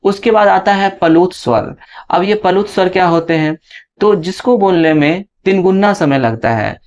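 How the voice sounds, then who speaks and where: Male tutor with a slightly high voice, explaining patiently and checking in often. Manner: explains step by step with frequent "है ना" and "ठीक है" check-ins; draws out letter sounds slowly when reciting them. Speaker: teacher. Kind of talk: classroom lesson explanation.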